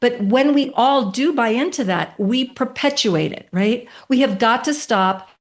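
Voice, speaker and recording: A woman in her late fifties, a podcast guest telling a personal story with emphatic, animated delivery and rhetorical questions. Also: on the high side, measured pace. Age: 50s.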